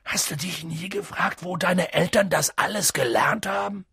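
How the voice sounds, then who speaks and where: A narrator voicing a hot-tempered giant male groundskeeper in an audiobook, gruff and booming in his outbursts. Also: normal speed, sharp tone, no echo, studio quality, exaggerated voice. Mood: outraged. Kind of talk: audiobook reading.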